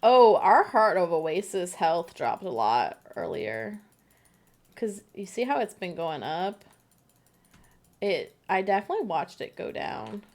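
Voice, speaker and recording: Streaming live with a co-op partner, a woman keeps up bubbly, giggly gameplay chat. Her voice sits at medium pitch with big swings, and it is a little slow, creaky and a little mellow.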